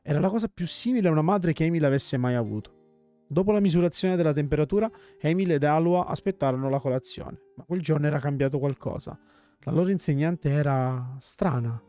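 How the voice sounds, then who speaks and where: A man reading a game's story text aloud as a let's play host, calm storytelling with small slips and restarts. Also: a little high, a little fast, soft background music.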